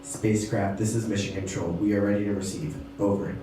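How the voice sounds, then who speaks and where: A man's voice: fairly low pitch, level tone, brisk. A man acting as mission control comm officer, heard over an intercom in a space-mission role-play and speaking in formal radio protocol. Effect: heard over an intercom speaker in a sci-fi mission role-play. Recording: roomy intercom sound from far off with background noise.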